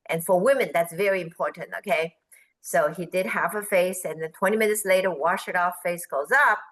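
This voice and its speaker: Animated woman telling a business story. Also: fairly low pitch, brisk, poor audio. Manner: animated, quotes people in raised voices, laughs. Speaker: guest speaker on business forum. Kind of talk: storytelling in a video call. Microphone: video call.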